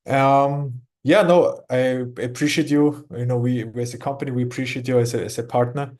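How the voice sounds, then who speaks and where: Guest exec, man with Austrian German accent, halting speech, mellow tone. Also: medium pitch, fairly even intonation. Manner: halting, many restarts and repeated words. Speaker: company executive guest. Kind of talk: casual interview talk.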